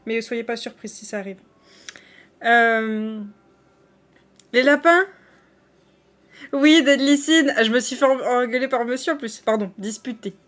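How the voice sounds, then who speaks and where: A woman chats to her viewers during a live stream, her voice sitting a little high. She talks loosely and warmly to her chat, full of fillers and restarts. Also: moderate pace.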